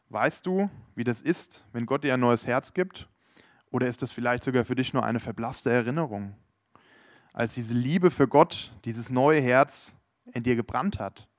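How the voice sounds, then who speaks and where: A man's voice: mid-range voice, dry recording. Earnest German-speaking preacher man, dry sound. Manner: earnest, addresses listeners directly. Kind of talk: sermon.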